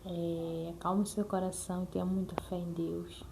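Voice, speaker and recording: A Brazilian woman shares her life as a mother with viewers, casual and earnest, with repetition and frequent check-ins. Her voice is lowish, level and creaky at a normal speed, and the background is noisy.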